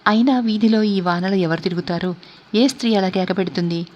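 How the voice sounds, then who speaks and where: A woman's voice: medium pitch, a little fast, darkish tone, highs cut off, slight background noise, close to an everyday voice. A woman voicing bold, teasing young Kamala. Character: bold young woman telling a ghost tale.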